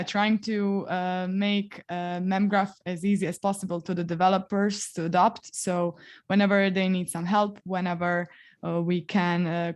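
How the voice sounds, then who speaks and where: A young woman from Croatia presenting at a tech meetup, explaining graph concepts plainly with frequent "uh, so" fillers. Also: mid-range voice. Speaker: developer relations engineer, speaker. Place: meetup venue.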